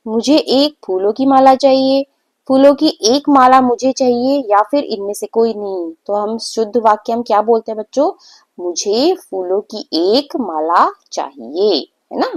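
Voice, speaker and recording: A young woman teaching a grammar lesson to children, patient, repeating words slowly and often checking in with the class. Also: mid-range voice, a little mellow. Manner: frequent "theek hai" check-ins.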